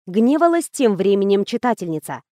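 A woman narrating a novel in the first person, in a lively, ironic reading manner. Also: mid-range voice, brisk, no echo, clean studio sound. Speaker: audiobook reader. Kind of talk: scripted narration.

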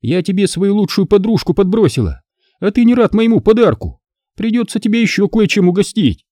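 Man doing a scheming young woman, high sneering voice, taunting, swings widely, dry close sound. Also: big pitch swings, fairly quick, dark tone, no echo. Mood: gloating mockery. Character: spiteful scheming young woman, mocking and shrill.

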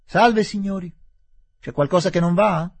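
A man's voice: mid-range voice, animated, moderate pace, mellow, husky, pitched above the performer's own voice. A man voicing a playful young Indian doctor who calls out in a raised, teasing voice.

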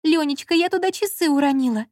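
Женщина озвучивает капризную Лолу. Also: female voice, big pitch swings, moderate pace, no echo, studio quality. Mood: plaintive. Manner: plaintive, pouting, high-pitched. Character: young woman Lola, fussy, whiny and touchy. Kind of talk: audiobook character reading.

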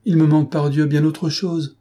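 A man's voice: mid-range voice, moderate pace, warm tone, breathy edge, pitched above the performer's own voice, natural voice. A man voicing a flustered, pompous middle-aged financier who talks in an agitated, lugubriously confidential way. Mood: alarmed indignant.

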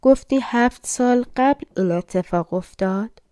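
A woman's voice: a little high, warm tone, no room sound, clean studio sound, pitched above the performer's own voice, natural voice. A woman voicing a frightened young boy. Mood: anxious. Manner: trembling, anxious questions. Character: young dwarf-shaped boy, frightened and pleading.

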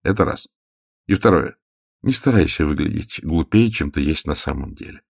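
A man voicing a calm, ironic gentleman detective who speaks in a dry, composed way. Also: a bass voice, normal speed, gravelly, husky, full character voice.

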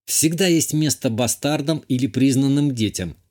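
A restrained young noble speaks slowly through barely held-back anger, as a male audiobook reader plays him. The voice stays at a middle pitch, close to the reader's own telling. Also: darkish tone, lightly acted. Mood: tense. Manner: measured, holding back anger. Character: tense young male noble hero, restrained but quick-tempered.

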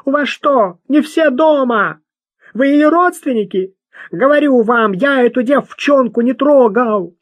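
Guy doing a whiny nasal bum, squeaky high, yells a lot, thick provincial french twang. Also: measured pace, no room sound. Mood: aggressive, defiant. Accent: strong provincial French. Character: nasal, crude, jumpy vagrant man who drinks.

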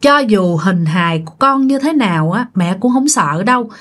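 A woman's voice: mid-range voice, expressive, normal speed, fairly bright tone. A woman voicing a grieving middle-aged mother who cries out, begging her dead daughter to come back. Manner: crying, imploring calls.

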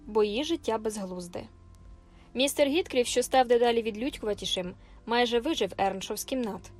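A woman reading a novel aloud as a first-person audiobook narrator, in expressive, measured storytelling. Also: on the high side. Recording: faint music behind the reading.

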